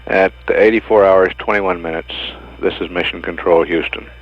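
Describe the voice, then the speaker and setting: A man's voice: low-pitched, steady tone, moderate pace. A man giving formal mission status announcements from mission control, heard through muffled broadcast audio with a hum. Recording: dull lo-fi broadcast with mains hum.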